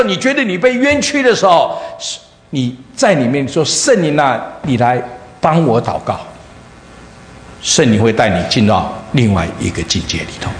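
A man pastor preaching a sermon, telling a story in an animated way that swings from loud highs to soft lows, heard in a church hall. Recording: echoey hall, faint room noise.

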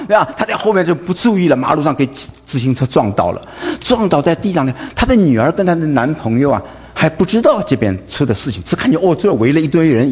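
Long hall reverb surrounds this sermon from a Wu-accented male preacher whose voice is a little high and slightly rough. He keeps asking rhetorical questions ending in "right?" and stumbles over repeated fillers.

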